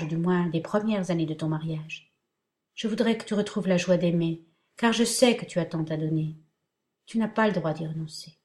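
A woman voicing a gentle, calm man who talks softly and reassuringly to a friend in an audiobook. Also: fairly low pitch, close to an everyday voice. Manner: soft, tender and reassuring. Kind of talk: audiobook reading.

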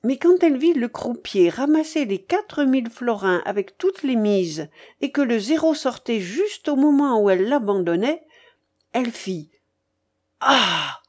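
A woman narrating an audiobook in a deliberate, expressive reading. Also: a little high. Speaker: audiobook reader. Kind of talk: scripted narration.

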